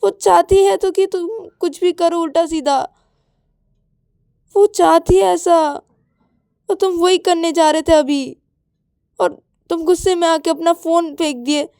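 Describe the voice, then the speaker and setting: A woman's voice: high voice, steady tone, fairly quick, a little mellow, no room sound, studio quality, natural voice. A woman voicing a clingy, tearful young woman who stammers and repeats her words. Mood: scolding.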